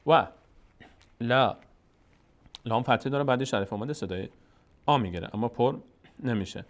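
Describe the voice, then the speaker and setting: A man with an Afghan Dari accent gives a step-by-step Quran reading lesson. He speaks patiently and repeats each syllable slowly and drawn out, so learners can follow. His voice sits at a middle pitch. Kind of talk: slow step-by-step recitation lesson.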